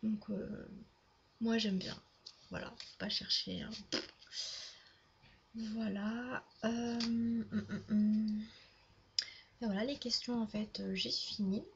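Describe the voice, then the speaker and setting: A young woman talks casually to camera, wandering from point to point with lots of fillers and restarts. Her voice stays flat and level, at a middle pitch. The sound is dull and lo-fi, with a faint hiss underneath. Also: takes it slowly, gravelly, long pauses. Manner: rambling, full of fillers and restarts. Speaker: YouTuber. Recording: dull lo-fi home video sound.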